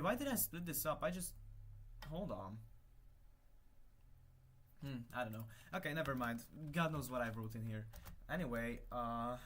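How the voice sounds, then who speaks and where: Sharing his screen, a young man who created a conlang talks casually through how it works, thinking out loud and hesitantly fixing his own words. He's a native Hungarian speaker with a Hungarian accent, and his mid-range voice is a bit bright, with slight background noise.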